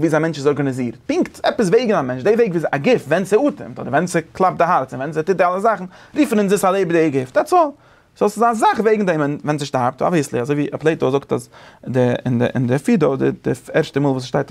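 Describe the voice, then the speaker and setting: A man teaching a casual study lesson, animated and thinking aloud with many restarts. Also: a little high, vocal fry.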